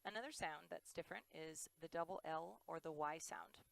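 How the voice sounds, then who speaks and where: A woman teaching Spanish pronunciation, patiently modelling each sound slowly and clearly. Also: low-pitched, a bit bright, rough recording. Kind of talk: pronunciation lesson.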